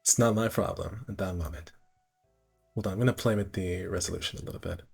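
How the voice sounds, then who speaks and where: Sitting low in pitch, this man's voice is darkish and slightly rough, with vocal fry and a steady tone, and he talks quickly. He reads a visual novel aloud on a stream with casual commentary, an amateur narrator who stumbles over words and rereads phrases. Soft background music plays.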